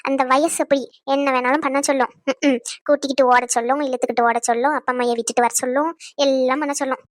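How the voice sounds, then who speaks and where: Cartoon granny, played by a woman, high and fast, lecturing bluntly in a dry, close sound. Stern and proverb-quoting. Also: steady tone, dry recording, natural voice. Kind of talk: cartoon dubbing.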